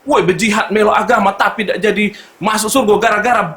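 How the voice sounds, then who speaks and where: A man with a Palembang accent performing a stand-up comedy set, telling his story with big swings between shouts and low asides. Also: fairly even intonation, fast. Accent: Palembang Malay. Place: stage at a live comedy show. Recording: echoey venue, loud background noise.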